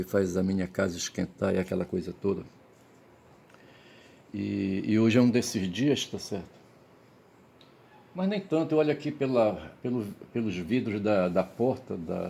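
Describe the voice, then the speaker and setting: Hungover man for casual rambling commentary; deep, creaky voice, halting delivery. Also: warm tone, slight background noise. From Brazil. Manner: halting, repeatedly checks with tag questions. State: hungover, tired. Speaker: vlogger giving commentary.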